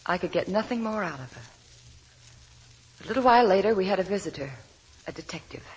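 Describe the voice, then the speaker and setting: An actress in a 1940s radio drama plays an anxious, devoted young wife, earnest and pleading as she recalls something troubling. Her mid-range voice is animated, a little fast, and breathy, heard on a poor-quality vintage broadcast recording.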